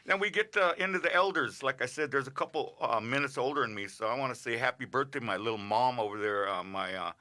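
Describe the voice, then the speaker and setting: A middle-aged man on a radio show, rambling casually through birthday shout-outs with lots of filler sounds. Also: medium pitch, fast, hardly any pauses. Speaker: regular radio segment host. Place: radio studio.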